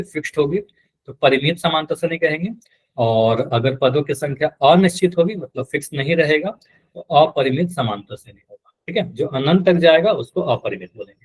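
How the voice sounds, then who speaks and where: A man's voice: fairly high pitch, slightly rough. Patient teacher quizzing his class. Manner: patient, repeats key terms and quizzes students. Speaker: math teacher. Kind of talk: live online class.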